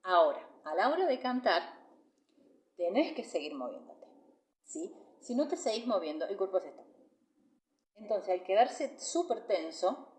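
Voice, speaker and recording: A woman's voice: mid-range voice, sing-song, moderate pace, long pauses, darkish tone, reverberant. A woman with a Rioplatense Spanish accent teaching singing in a live masterclass, chatty and explanatory, often checking in with "¿sí?".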